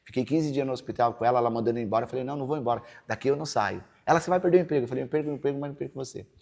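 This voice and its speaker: Male pastor, Brazilian accent, earnest preaching testimony, gravelly voice. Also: medium pitch, very fast, darkish tone. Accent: Brazilian Portuguese. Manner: earnest, preachy, acts out quoted dialogue. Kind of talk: personal testimony in a podcast interview.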